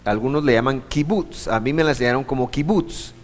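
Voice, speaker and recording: A man teaching a church class, patient, asking the room questions, with many halting restarts. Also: mid-range voice, slight background noise. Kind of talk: classroom lesson on Hebrew vowels. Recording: long hall reverb.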